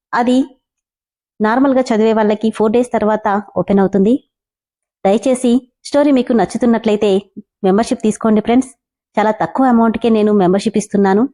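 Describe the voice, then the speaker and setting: A woman's voice: on the high side, dark tone. A woman narrating a romantic story and speaking directly to her listeners as channel host.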